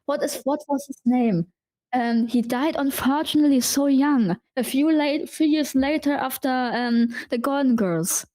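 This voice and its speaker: High-voiced woman, eager film fan guest. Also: warm tone. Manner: eager, halting, repeats words. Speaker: podcast guest. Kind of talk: casual film podcast chat.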